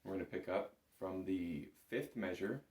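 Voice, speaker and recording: A bagpipe instructor with a deep, darkish voice gives an informal, patient music lesson to camera, walking learners through it step by step at a moderate pace. He is recorded indoors in an echoey room.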